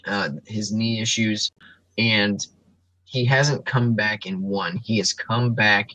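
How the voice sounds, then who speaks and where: A man's voice: lowish voice, fairly even intonation, takes it slowly, pushed and bright, dry recording, poor audio. A man co-hosting a casual sports podcast, breaking down fighters and records in detail with frequent ums and restarts. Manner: analytical, reels off stats with frequent ums.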